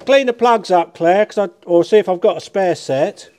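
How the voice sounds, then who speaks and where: A middle-aged British man who collects and restores cars presents his channel from a large indoor workshop barn, chatting informally and poking fun at himself as he works on a car. His voice sits high and is clean and darkish, at a moderate pace.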